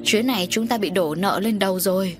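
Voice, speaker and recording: A woman's voice: medium pitch, a little fast, soft background music, close to an everyday voice. A woman narrator voicing a frightened, despairing middle-aged male shrimp farmer in her own voice. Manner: groaning, despairing.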